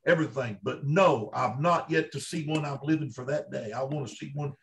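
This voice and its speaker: A man's voice: mid-range voice, fairly quick, vocal fry, a little hiss or hum. A man with a Kentucky accent telling first-hand stories in a folksy, emphatic, conversational way, repeating himself for emphasis as an interview guest. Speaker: interview guest, Bigfoot researcher.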